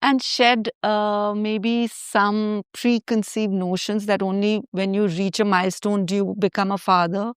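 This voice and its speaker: A woman's voice: mid-range voice, little pitch movement, unhurried, hardly any pauses, smooth, no echo, studio quality. A woman with an Indian accent, hosting a conversational interview. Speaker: interview host.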